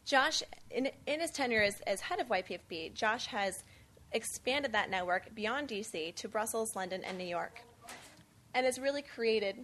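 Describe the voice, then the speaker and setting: A young woman in her twenties giving formal, measured prepared remarks as she introduces a panel at a conference. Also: mid-range voice, bright, forceful tone, slight background noise. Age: 20s. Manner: measured, reads from a script. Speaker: event speaker introducing a panel. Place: conference event on stage.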